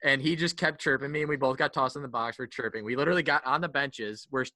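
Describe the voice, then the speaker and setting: A man's voice: medium pitch, fast talker, bright, forceful tone. A man with a Chicago accent, a podcast co-host in laid-back casual chat, swearing and calling people "man" and "bud".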